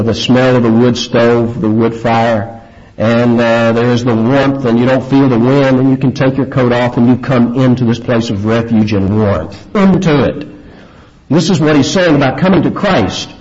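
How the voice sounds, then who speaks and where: A man's voice: mid-range voice, moderate pace, darkish tone. Emphatic preacher man, lo-fi recording. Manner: emphatic, vivid storytelling with rising stresses on key words. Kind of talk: expository sermon.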